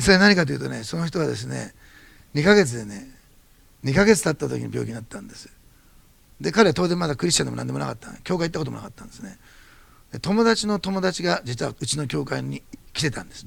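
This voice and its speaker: A man preaching as a pastor, telling a testimony in quick, animated bursts. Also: mid-range voice, creaky, husky, dry recording. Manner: fast-talking, animated storytelling. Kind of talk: sermon testimony.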